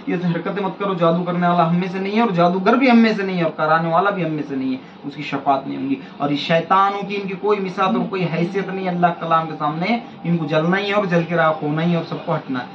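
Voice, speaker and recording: A man's voice: high voice, slight background noise. A middle-aged man preaching to listeners, exhorting them and repeating phrases for emphasis. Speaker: faith healer preacher. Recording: echoey lo-fi room with faint ambience.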